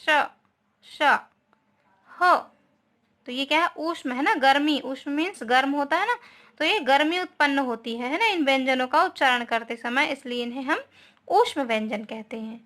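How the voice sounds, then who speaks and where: A woman teaches a grammar lesson in a high, bright voice. She explains patiently, keeps checking understanding with little tag questions, and slips English words into her Hindi. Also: fairly quick. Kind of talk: online class lesson.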